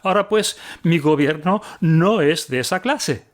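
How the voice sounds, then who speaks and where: A man voicing a calm prophet in a Bible reading, speaking in a measured, solemn way. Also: a little high.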